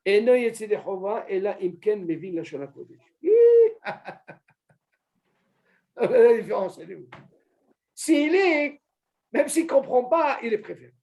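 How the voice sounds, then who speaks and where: A man teaching an informal religious lesson to a small group, animated, asking questions and calling on a student by name. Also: high-pitched, moderate pace, creaky. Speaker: Torah teacher.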